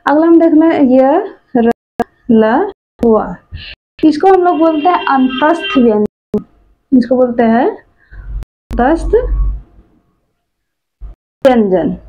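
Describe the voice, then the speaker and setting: Woman teacher, slow and deliberate, reciting letters one by one in a dull lo-fi recording. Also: high voice, lively intonation. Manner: asks questions then answers them herself. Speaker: Hindi grammar teacher. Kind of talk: exam-prep lesson.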